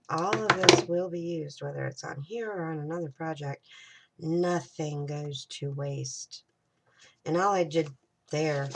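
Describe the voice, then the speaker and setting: Low, slow, gravelly woman crafting. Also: very noisy. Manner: chatty, thinking aloud, sometimes whispering. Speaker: craft tutorial host. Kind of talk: casual crafting tutorial.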